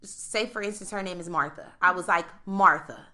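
At normal speed and with a voice on the low side, a young woman from the United States shares a work anecdote while co-hosting a podcast. She chats casually in a strong voice, animatedly playing both parties in a phone call.

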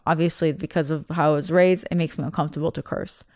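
In a clean, dry studio recording, a young podcast host, a native Russian speaker, talks candidly and chattily about herself in a casual confessional monologue. Her low-pitched, darkish voice holds a steady tone at a quick pace, and she rambles with restarts.

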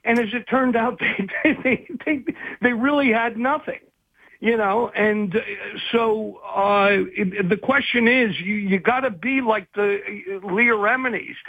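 A man's voice: sits high, no echo. A man speaking as a guest investigative journalist, rambling and hesitant, with many restarts, in a phone interview. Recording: tinny phone line.

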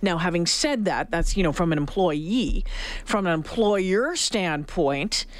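A woman's voice: on the low side, animated, a little slow. A middle-aged woman hosting a conversational radio show, stressing points by repeating herself. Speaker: radio host. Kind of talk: conversational talk radio discussion. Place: dry broadcast studio.

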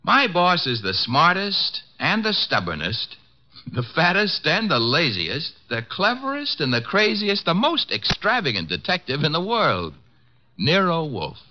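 A man's voice: on the high side, huge pitch swings, measured pace. A man playing a wisecracking, cheeky detective's assistant in a 1950s radio drama, with a wry, teasing, breezy manner. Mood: wry, boastful. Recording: dull vintage radio recording.

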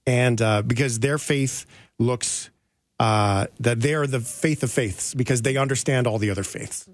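A man hosting an interview podcast tells anecdotes in a rambling, casual storytelling style, laughing easily. His mid-range voice is unhurried, and there is no echo.

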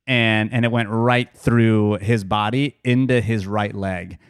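A man's voice: fairly low pitch, fairly even intonation, slow pace, smooth, dry recording, clean studio sound. A man hosting a casual sports podcast, a bit nasal from seasonal allergies, chatty and joking. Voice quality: nasal from cedar fever. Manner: chatty, joking, loose fillers and laughs. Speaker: podcast host.

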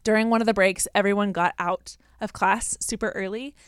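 A young woman co-hosting a chatty podcast, telling stories in animated, colloquial speech peppered with "like". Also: medium pitch, brisk, smooth, dry recording, studio quality. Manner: animated, colloquial, heavy use of "like". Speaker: podcast co-host. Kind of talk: casual chat and storytelling.

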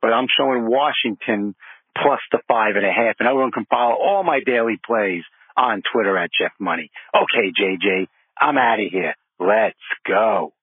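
Husky man on a tinny phone-like recording. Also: on the low side, normal speed, no room sound. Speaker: guest sports handicapper. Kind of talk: casual betting pick segment. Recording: tinny phone-like radio sound.

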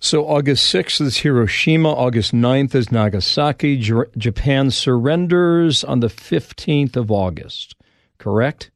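Gravelly-voiced male podcast host. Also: mid-range voice, lively intonation, unhurried, dry recording, studio quality. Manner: conversational, asks checking questions. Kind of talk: podcast interview.

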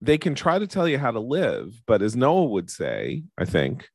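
A man's voice: medium pitch, huge pitch swings, moderate pace, breathy edge, no echo, clean studio sound. A middle-aged man hosting a political talk show, commenting analytically and in long digressions. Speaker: host.

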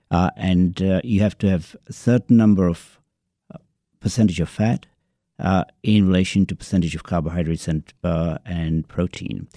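Casting: male medical guest, deep mellow voice, hesitant and measured, interview setting. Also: dry recording, studio quality. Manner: measured, halting, hesitant explanations. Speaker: guest, neurologist. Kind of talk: interview, explaining a medical topic. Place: radio studio.

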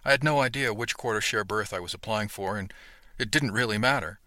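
A man narrating a first-person audiobook in an earnest, steady storytelling manner, close to the mic. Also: lowish voice, a little fast, no room sound.

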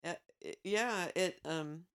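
A woman's voice: lowish voice, takes it slowly, clear, resonant tone. A woman co-hosting a casual chat, retelling a book with some hesitant fillers.

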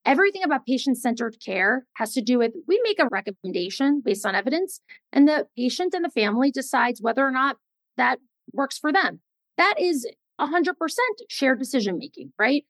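A woman cardiologist in casual podcast chat, telling stories in an animated way with many fillers. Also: high voice, brisk, no echo. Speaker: cardiologist guest.

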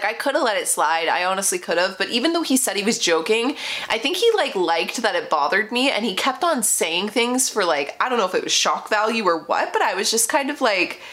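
A woman's voice: medium pitch, a bit bright. A woman hosts a casual storytime podcast in a mid-range voice. She is chatty and confiding, and her loose phrasing is full of fillers. She tells a personal dating story as if to a friend. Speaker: podcast host.

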